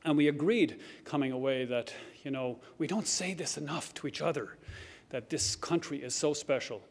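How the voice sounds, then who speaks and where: Standing at a banquet hall lectern, an award recipient from Ireland, a middle-aged man with an Irish accent, delivers an earnest, reflective acceptance speech full of restarts. He speaks at a moderate pace in a fairly high voice with a breathy edge.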